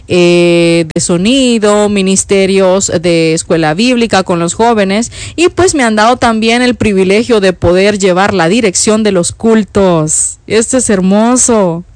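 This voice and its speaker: A woman's voice: medium pitch, no echo. A Salvadoran woman in her fifties, a church worship leader chatting affectionately on a live stream, reading out viewers' comments and laughing often. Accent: Salvadoran Spanish. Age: 50s. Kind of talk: casual live-stream chat.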